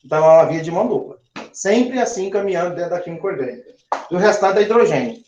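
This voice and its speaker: A man's voice: high voice, animated, fast, a little mellow. A male chemistry teacher, giving a classroom lecture, asking the class questions and spelling out syllables as he counts aloud. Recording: roomy, dull-sounding classroom recording.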